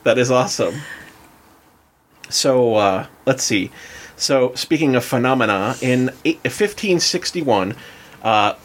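A man's voice: medium pitch, lively intonation, slow pace. A man hosting a casual podcast chat, laid-back and self-mocking, who trips over words as he reads. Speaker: podcast host. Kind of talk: casual chat, reading aloud.

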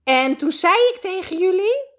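A woman's voice: very high-pitched, expressive, moderate pace, a bit bright. A woman coach talking earnestly in a live session, reflective and hesitating at times. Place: indoors at home.

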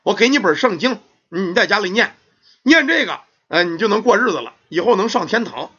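A man's voice: sits high, expressive, brisk, bright, forceful tone, husky, muffled recording, full character voice. A man voicing a young village woman who preaches at her aunt in a coaxing way. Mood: preachy.

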